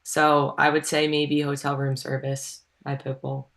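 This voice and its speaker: Her voice is very deep, monotone, and a little slow: a young woman from Long Island, New York, guesting as a college swimmer in a casual interview. She has a subtle Long Island accent and says um and like plenty.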